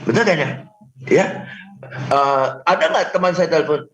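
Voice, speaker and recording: Male sales coach, lively delivery with role-played calls; roomy lo-fi radio sound. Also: fairly high pitch, moderate pace. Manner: animated, acts out phone calls, frequent "betul kan?". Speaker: sales trainer guest. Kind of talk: radio talk show coaching. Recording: roomy, dull lo-fi radio audio.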